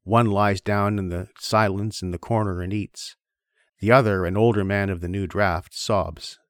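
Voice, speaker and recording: A man with a very low voice reads a war novel aloud for his podcast. His delivery is measured and grave, and it slows on tense passages. The sound is dry and close. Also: fairly even intonation, no room sound. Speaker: podcast host reading aloud. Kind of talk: solemn literary reading.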